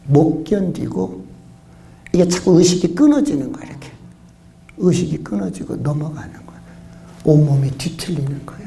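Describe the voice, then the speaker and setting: A man preaching a revival sermon, telling his testimony with emotion and often dropping to a hushed whisper. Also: fairly high pitch, creaky, slight background noise. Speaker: pastor.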